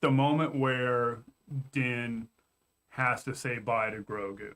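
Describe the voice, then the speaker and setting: A man's voice: mid-range voice, steady tone, slow, fairly bright tone. A man co-hosting a fan review podcast in casual chat, earnest and given to stammered restarts. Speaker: podcast co-host.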